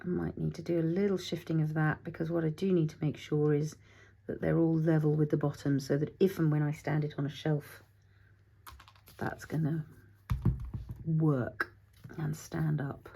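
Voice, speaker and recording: A woman's voice: deep voice, flat delivery, moderate pace, vocal fry, mellow, breathy edge. A middle-aged woman hosting a casual craft tutorial, chatting as she works, thinking aloud and talking to her materials, sometimes dropping to a whisper.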